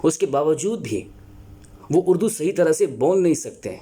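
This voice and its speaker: A man lecturing as a teacher, earnest and explanatory, pausing often to find his words. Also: on the high side, expressive, mellow, breathy edge. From Pakistan. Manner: earnest, explanatory, with many filler pauses and restarts. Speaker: Urdu teacher. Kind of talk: spoken lecture on teaching Urdu.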